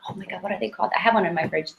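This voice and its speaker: A woman with a Polish accent chatting casually and informally, in an animated, rambling way, as an interview guest. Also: mid-range voice, racing, gravelly, dull audio. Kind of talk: casual chat about diet. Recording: echoey, roomy sound.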